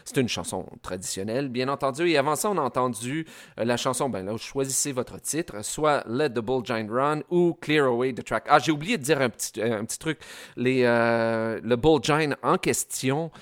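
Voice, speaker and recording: A man with a Québécois French accent presents songs on the radio in a loose, chatty way. He hesitates often and fills pauses with little sounds, at a middle pitch. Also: a bit bright. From Quebec. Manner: hesitant, many fillers, chatty asides. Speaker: radio host.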